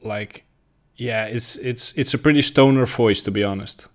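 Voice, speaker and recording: A man's voice: medium pitch, normal speed. A man hosting a casual interview, asking questions with lots of hesitations and fillers. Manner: hesitant, many fillers and restarts, laughs along. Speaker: host.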